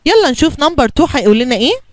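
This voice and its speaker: A woman's voice: high voice, big pitch swings, racing, dry recording. A woman with an Egyptian Arabic accent teaching young children, coaxing them along and answering her own questions. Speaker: kindergarten teacher. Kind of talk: bilingual classroom lesson for young children.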